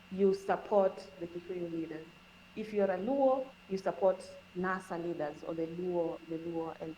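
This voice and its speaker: A woman's voice: mid-range voice, darkish tone, slight background noise, poor audio. A woman from Kenya with a Kenyan accent, a podcast guest explaining earnestly in casual conversation and often repeating words.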